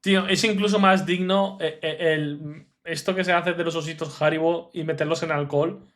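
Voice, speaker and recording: A man's voice: fairly high pitch, fairly even intonation, moderate pace, a bit bright. A man from Spain with a Spanish accent giving casual reaction commentary in blunt, incredulous, slangy remarks. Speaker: reaction streamer.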